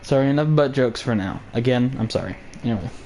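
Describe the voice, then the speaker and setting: A man's voice: medium pitch, quick pace, warm tone, slight background noise. A young man hosting his own vlog, rambling through a sarcastic political rant full of jokey asides. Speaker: vlog host.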